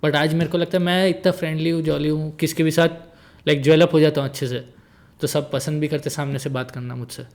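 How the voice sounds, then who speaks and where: Talking a little fast in a level, fairly high voice, a guest in his late twenties keeps a casual conversation light with jokes. He mixes English phrases into his Hindi.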